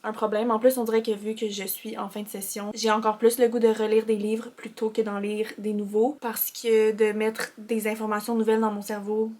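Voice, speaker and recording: Chatty Québécoise book vlogger, flat tone. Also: female voice, mid-range voice, normal speed, few pauses. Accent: Québécois French. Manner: chatty and candid, reviewing books. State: starting a sore throat and a cold. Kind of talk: casual reading vlog voice-over.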